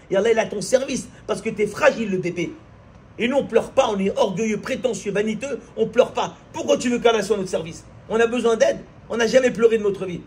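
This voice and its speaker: Impassioned high-voiced male preacher. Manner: impassioned, repetitive rhetorical questions, acts out little scenes. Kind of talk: sermon.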